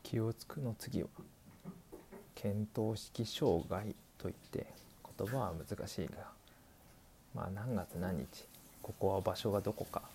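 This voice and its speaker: Warm in tone and fairly low in pitch, a man's voice moves a little slowly as he portrays an elderly male doctor, patiently explaining and lengthening old-fashioned sentence endings in a scripted explainer dialogue. A slight hiss or hum sits under the recording.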